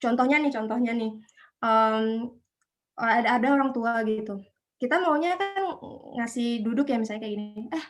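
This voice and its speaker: A woman's voice: a little high, moderate pace, long pauses. A young woman from Indonesia chatting as an interview guest, hesitant with many fillers. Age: young adult. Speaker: guest, student abroad. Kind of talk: casual online interview.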